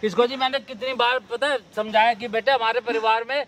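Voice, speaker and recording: A man's voice: very high-pitched, fairly even intonation, fairly quick, fairly bright tone, a little hiss or hum. An older man pleading and complaining about his family, speaking outdoors in a park. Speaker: father-in-law.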